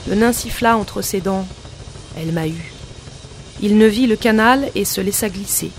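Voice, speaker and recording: A woman narrating a literary audiobook in a measured, quiet, restrained way. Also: mid-range voice, fairly even intonation, faint music behind. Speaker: audiobook reader.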